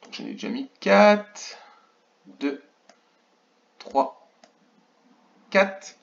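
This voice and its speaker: A man's voice: fairly high pitch, very animated, very slow, vocal fry. A man teaching young children in a remote lesson, counting aloud and sounding out syllables carefully. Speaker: kindergarten teacher. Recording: dull lo-fi recording.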